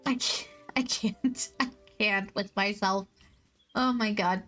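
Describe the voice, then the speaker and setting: A woman's voice: medium pitch, fairly even intonation, slow. A woman streamer chatting casually with her chat while playing a game, rambling and self-mocking, often laughing at her own jokes. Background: soft background music.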